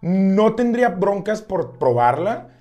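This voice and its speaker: A man's voice: high voice, big pitch swings, slow, darkish tone. A man with a Mexican accent in a casual beer-tasting chat, teasing the others in slangy banter.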